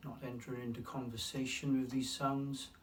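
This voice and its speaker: A man with a mid-range voice guides a mindfulness meditation, calm and unhurried, leaving long pauses between phrases. The mic is distant, picking up faint room noise.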